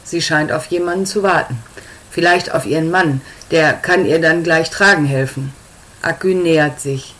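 Woman, low voice, calm story reading, narrator. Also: moderate pace, poor audio.

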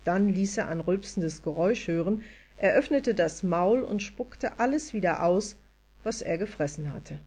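A woman narrating a story aloud in a lively, expressive reading style. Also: mid-range voice. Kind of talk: audiobook storytelling.

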